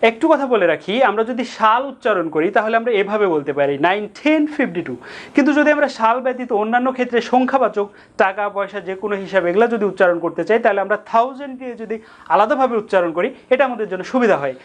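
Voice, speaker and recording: A woman teaching a tutorial lesson, with a Bangladeshi accent, explaining slowly and deliberately with repeated examples. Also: a little high, expressive. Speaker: English tutor.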